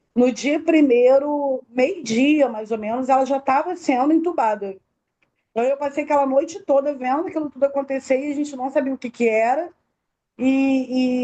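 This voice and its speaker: Woman, middle-aged, fairly high voice, warm and mellow, detailed emotional testimony, acts out quoted dialogue. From Brazil. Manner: tells the story in detail, acting out quoted dialogue. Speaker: interview guest, bereaved mother.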